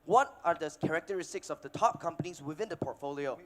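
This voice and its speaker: A man in his thirties from Malaysia, giving a casual, energetic keynote on a conference stage with filler words and restarts. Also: a little high, fast talker. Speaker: keynote speaker, investor. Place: conference stage before an audience.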